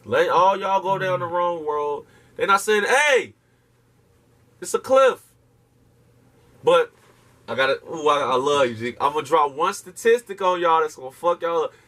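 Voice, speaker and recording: With a sharp, fairly high voice and lively intonation, this man speaks at normal speed but pauses often. He's an interview guest delivering an emphatic, profane lecture full of rhetorical questions in an impassioned, casual style.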